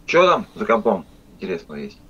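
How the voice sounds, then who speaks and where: Young man, drunk, husky voice, lively pitch swings, casual swearing, muffled lo-fi phone call. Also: quick pace. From Russia. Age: young adult. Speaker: video chat stranger. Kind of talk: casual chat. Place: dim indoor space. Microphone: phone held close. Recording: dull lo-fi phone video call.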